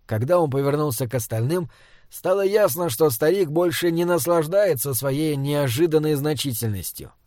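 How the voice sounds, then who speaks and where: A man narrating a fantasy audiobook in a steady, even reading voice. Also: on the high side, normal speed, no room sound, clean studio sound.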